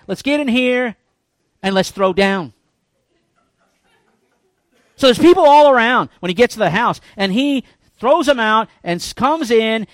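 A man preaching a sermon in church, folksy and joking, with animated bursts when he quotes people. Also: on the high side, no echo, clean studio sound. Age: 50s. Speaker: pastor.

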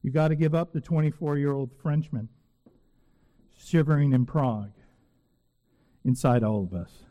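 A man preaching a sermon in a church sanctuary, earnest and emphatic, slowing down to repeat phrases with weight. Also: medium pitch, warm tone, highs cut off. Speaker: pastor. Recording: long reverb of a church hall.

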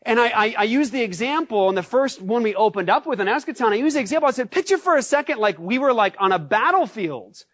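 A pastor preaching a sermon in a lively, conversational way, asking the congregation rhetorical questions. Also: male voice, very high voice, quick pace, hardly any pauses, no room sound. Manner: acts out shouted scenes.

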